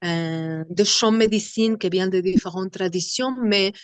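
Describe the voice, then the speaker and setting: A woman from Argentina with an Argentine Spanish accent, a Spanish native speaker, talking slowly in an interview about her vocal workshops and searching for words often. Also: medium pitch, no room sound. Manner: halting, searching for words, many fillers. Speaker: singer and vocal workshop leader.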